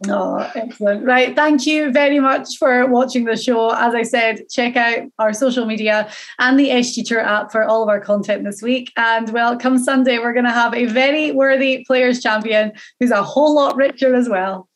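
Female sports show host, slightly high pitch, conversational presenting. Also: normal speed.

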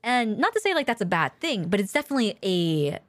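Woman co-host chatting about streaming, very animated up-and-down voice, dry sound, swears a lot. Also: mid-range voice, fast talker, no room sound. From lives in Japan. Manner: candid, swears freely, lots of fillers. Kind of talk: casual chat.

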